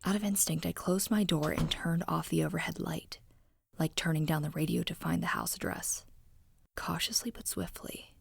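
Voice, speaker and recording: Low, creaky, haunting woman narrator. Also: steady tone, fairly quick. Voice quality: low, husky, breathy voice. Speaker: story narrator. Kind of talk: scripted scary story narration, first person.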